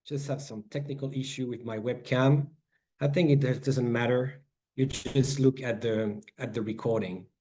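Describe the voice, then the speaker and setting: A man's voice: mid-range voice, steady tone, normal speed, dark tone. A man with a French accent teaching a sailing weather lesson over an online presentation, explaining step by step with many fillers and restarts.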